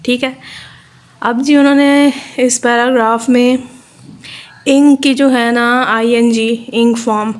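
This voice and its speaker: A woman from Pakistan with a Pakistani accent, giving a steady, explanatory lecture and repeating her points. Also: a little high. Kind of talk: explaining a lesson in Urdu mixed with English terms.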